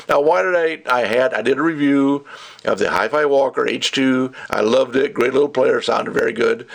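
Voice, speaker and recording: This man reviews gadgets in a medium-pitched voice that is creaky and a bit bright. His product review rambles casually, with emphatic opinions and chatty asides.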